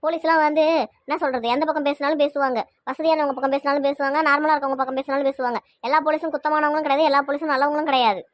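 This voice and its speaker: A woman voices a worried mother in a homemade family drama, speaking at a breathless clip in a high, narrow voice. She hurls question after question. The recording is dry, with no room sound. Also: level tone, no echo, close to an everyday voice. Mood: scolding. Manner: rapid pleading questions, fretful. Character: anxious mother fretting over missing daughter. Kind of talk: amateur family web drama.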